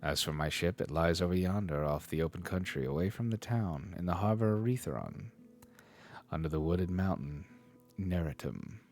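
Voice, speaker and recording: A man's voice: low voice, moderate pace, faint music behind. A man reading a disguised goddess. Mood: formal. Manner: steady, formal storytelling tone. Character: goddess disguised as a male sea king. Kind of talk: reading a classic epic aloud on stream.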